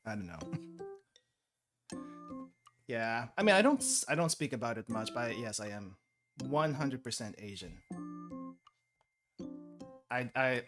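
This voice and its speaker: Studying on stream with music in the background, a young Filipino man chats casually, thinks aloud and often laughs. His mid-range voice is expressive, and he keeps a measured pace with frequent pauses.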